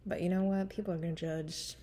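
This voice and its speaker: Talking at a quick pace with a steady, dark tone, this woman in her 30s is a singer vlogger rambling frankly and laughing before a cover song. She speaks into a webcam in a small room, her low voice smoky and husky, her nose stuffy, with slight background noise behind her.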